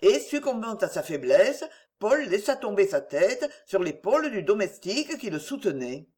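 A woman narrating a novel as an audiobook, with expressive storytelling. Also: mid-range voice, normal speed.

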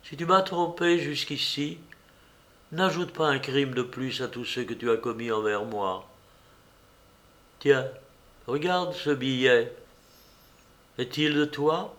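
A man's voice: medium pitch, takes it slowly, pauses often, a bit bright. A man reading a heartbroken, wounded young woman. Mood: reproachful.

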